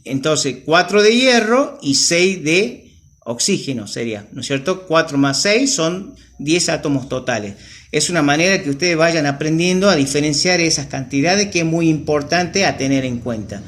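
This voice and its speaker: High-voiced male teacher, lively swings in pitch, patient and explanatory. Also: moderate pace. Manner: patient, checks with students, repeats key terms. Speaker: chemistry teacher. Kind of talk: classroom lesson at a whiteboard.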